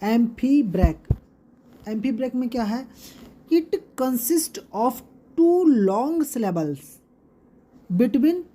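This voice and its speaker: A woman teacher with an Indian English accent, giving an exam-prep lesson and repeating each term slowly for her students. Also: sits high, lively intonation, mellow, slight background noise.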